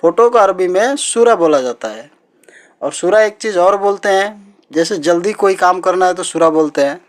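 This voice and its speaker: A man's voice: high voice, animated. A patient man repeating vocabulary words. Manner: repeats each word several times, slow and patient. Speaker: language teacher. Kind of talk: teaching Arabic words in Hindi.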